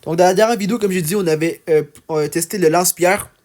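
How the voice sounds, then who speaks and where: A man's voice: sits high, fast talker, a little mellow. A young man with an accent giving casual, chatty gameplay commentary, full of fillers and checking in with "d'accord?". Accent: non-standard French accent. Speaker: gaming YouTuber.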